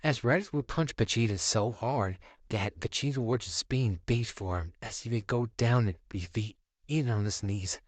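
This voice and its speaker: A man's voice: medium pitch, moderate pace, no echo. A young man casually narrating a fan-made story in a rambling, offhand way. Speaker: YouTube storyteller.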